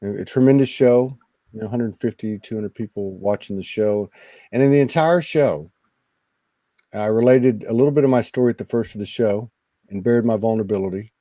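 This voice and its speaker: A man, a guest on a spiritual talk show, telling a personal story in an earnest, emotional, halting way. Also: on the low side, warm tone, no room sound, rough recording. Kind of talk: personal storytelling in casual conversation.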